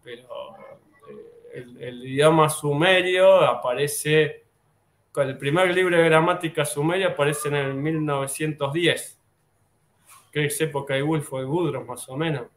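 A man with a Rioplatense Spanish accent talks through an idea in a loose, casual way. He rambles, restarts his sentences and fills the gaps with hesitations, in a slightly high voice. The room around him is echoey. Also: a little slow. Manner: rambling, with many fillers and restarts. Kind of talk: casual explanatory talk.

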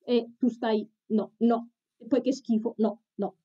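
A woman's voice: a little high, steady tone, unhurried, mellow, breathy edge. A woman in a costume, speaking through its head on a video chat, earnestly explaining at length. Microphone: video chat mic. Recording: dull lo-fi video chat audio.

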